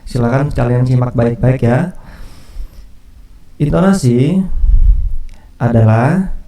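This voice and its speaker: Male teacher, mellow tone, casual lesson voice-over with fillers; roomy, off-mic recording. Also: medium pitch, far from the mic. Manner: casual explaining with fillers and restarts. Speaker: music teacher.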